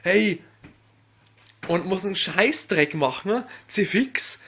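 A man with a Bavarian accent in a berserk, swearing rage, ranting with exasperated outbursts in a raspy, strained voice. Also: sits high, animated, slow pace, a bit bright. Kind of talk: angry rant vlog about a games console. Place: at home in a tiled room in front of a TV. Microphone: handheld phone or camera held by the speaker.

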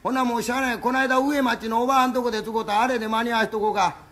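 A man voicing a clumsy, dim-witted Osaka man who rambles loudly, with an Osaka accent, in rakugo storytelling. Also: very high voice, fairly even intonation, very fast, voice pushed up. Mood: fretting.

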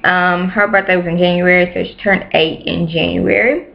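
A woman in her late twenties, a YouTuber, chats casually to camera in a small bedroom and repeats herself for emphasis. Her voice is fairly low and gravelly, with a steady tone and moderate pace. A close webcam mic gives the audio a dull, lo-fi quality.

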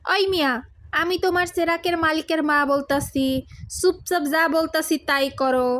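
Woman playing a bossy, high-voiced cartoon mother. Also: steady tone, moderate pace, a bit bright. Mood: scolding. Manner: scolding, colloquial. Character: bossy, sharp-tongued mother haggling with a genie. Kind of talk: comic cartoon dialogue.

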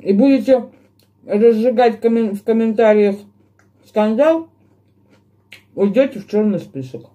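A woman with a high, mellow voice talks with her mouth full, chewing between words. She lectures her commenters in an indignant tone, like a vlogger eating on camera. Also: expressive, a little slow, pauses often. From Russia. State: chewing while talking. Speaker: mukbang vlogger. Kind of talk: casual chat to viewers while eating.

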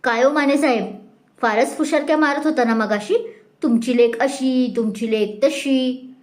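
Brief: woman as an indignant rich matron, sharp, scolding, pitched high. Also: slow. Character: angry proud middle-aged woman, prospective mother-in-law.

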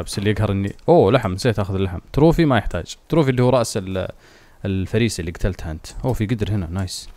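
A man's voice: on the low side, darkish tone. A young man giving jokey, easily spooked commentary while playing a survival game for his viewers. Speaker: gaming host. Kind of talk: casual let's-play commentary.

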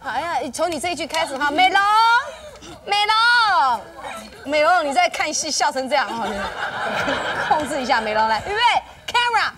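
High, giggly woman hosting a TV show. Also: moderate pace, a crowd in the background. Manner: giggly, teasing, lively stage narration. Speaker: variety show host. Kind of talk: playful variety show hosting, directing a skit. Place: TV studio set. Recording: far from the mic, loud studio audience.

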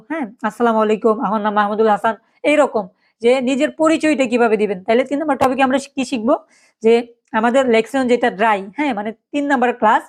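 A woman teaching a German lesson online in a chatty way, often saying "yes" and "so" and mixing in English words. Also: a little high.

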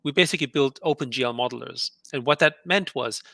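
A middle-aged guest entrepreneur, raised in Austria with German as his first language, talks fast in a medium-pitched, bright, pushed voice with vocal fry. He's on a headset during a video call, recorded dry, rambling casually with many restarts and "you know."

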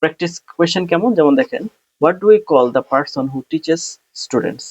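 A man with a Bangladeshi accent teaching a PTE exam-prep lesson. He explains in a relaxed way and reads English template phrases slowly and deliberately. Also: fairly high pitch, no echo. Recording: dry, slightly dull sound.

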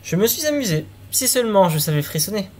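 A man voicing a carefree, fearless young man in a read-aloud fairy tale, with a lighter, higher voice than his narration. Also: big pitch swings, fast talker, a little mellow. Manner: carefree, cheeky. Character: fearless cheerful young man seeking fright.

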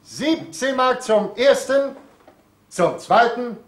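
An actor playing a brisk male auctioneer in an old film, calling out bids in a coaxing, sing-song way. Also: very high-pitched, animated, heavy background noise, exaggerated voice. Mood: coaxing, salesmanlike.

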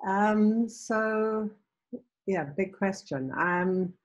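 Speaking extremely slowly at a medium pitch, a middle-aged woman from South Africa, founder of a nonprofit, joins a video call interview from a home room with bookshelves. She's thoughtful, with frequent ums and restarts, and the audio sounds dull.

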